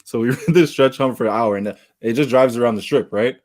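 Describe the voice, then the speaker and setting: A man's voice: mid-range voice, fast. A man co-hosting a casual podcast, telling stories with lots of laughter. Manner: laughs through his stories, animated retelling. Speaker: podcast co-host. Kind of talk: casual storytelling chat.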